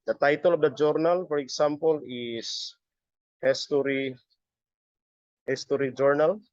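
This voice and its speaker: A middle-aged man giving a step-by-step software tutorial as an instructor, halting and often repeating his words. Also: fairly high pitch, fairly even intonation, no echo. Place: busy area, on a video call or webcam setup. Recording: dull lo-fi audio.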